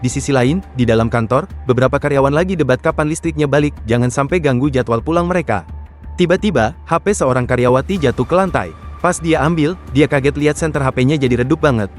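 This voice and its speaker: A man's voice: medium pitch, fast, faint music behind. A man narrating a horror comic recap in the first person, in a casual, slangy storytelling manner.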